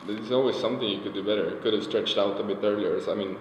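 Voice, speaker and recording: Male circus performer, casual and offhand; lowish voice, noisy reverberant hall. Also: fairly even intonation, fast. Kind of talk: casual group talk. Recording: echoey hall, noisy background.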